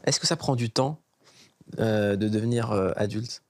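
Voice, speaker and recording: A man's voice: fairly low pitch, moderate pace, no echo, clean studio sound. A man hosting an interview, asking playful, teasing questions in a casual way. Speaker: interviewer, host.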